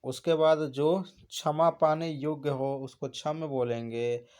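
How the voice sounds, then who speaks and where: A man's voice: fairly high pitch, steady tone, a little slow, darkish tone. A man teaching an exam prep lesson, asking questions and answering them himself. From India.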